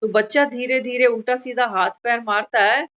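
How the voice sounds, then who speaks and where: A woman's voice: normal speed, fairly bright tone. A woman giving a devotional sermon, telling a parable and acting out the voices of a parent and a child. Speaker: spiritual speaker. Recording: dull, muffled low-fidelity recording.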